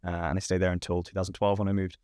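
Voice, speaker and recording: A young man in his twenties, a podcast guest chatting in a relaxed, upbeat way and laughing often. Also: sits low, racing, smooth, no echo, clean studio sound. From England. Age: 20s. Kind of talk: casual podcast chat.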